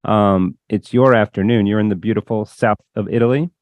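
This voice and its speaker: Male podcast host, lowish voice, dry close recording, relaxed conversational questioner. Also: a little fast, dry recording. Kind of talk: podcast interview.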